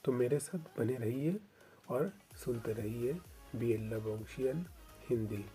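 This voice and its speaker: A man's voice: medium pitch, takes it slowly, dark tone, faint music behind. A man narrating a fan fiction story in a casual, plain way.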